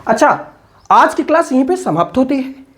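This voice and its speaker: A man's voice: very high-pitched, very animated, normal speed, fairly bright tone. A man teaching an English grammar lesson, talking casually to his viewers and drilling examples by repeating them with emphasis. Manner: addresses listeners casually as brother.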